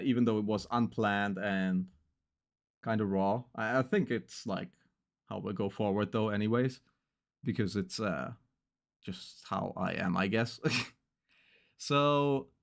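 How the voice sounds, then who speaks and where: A man's voice: on the low side, vocal fry. Rambling young male streamer. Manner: loose, rambling, filler-heavy. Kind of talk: casual stream sign-off.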